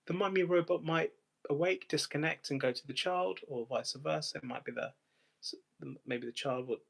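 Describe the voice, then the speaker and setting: A man's voice: on the high side, normal speed, gravelly. A man hosting a live stream, thinking aloud in a rambling, speculative monologue full of restarts.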